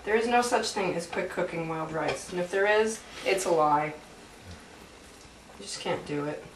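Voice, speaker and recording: A young woman with a lowish voice talks at a normal pace as she cooks in her home kitchen, chatting and tossing jokes to the camera. It's a casual cooking demo from a home cooking vlogger. The camera mic sits a few feet away, so the kitchen sounds echoey and the audio is noisy.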